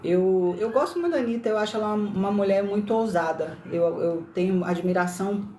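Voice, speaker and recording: A woman's voice: medium pitch, a little fast, mellow, slight background noise. A woman from Brasília with a lightly mixed Brazilian accent, hosting a casual livestream talk with many tag questions and self-corrections. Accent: Brasília Brazilian Portuguese, slightly mixed. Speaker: livestream host. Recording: roomy echo.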